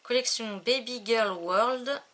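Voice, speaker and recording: A woman's voice: a little high, slow, fairly bright tone. A woman presenting a craft supply haul in a casual, admiring way, often trailing off with fillers. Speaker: crafting vlogger. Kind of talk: casual show-and-tell haul. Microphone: camera on tripod.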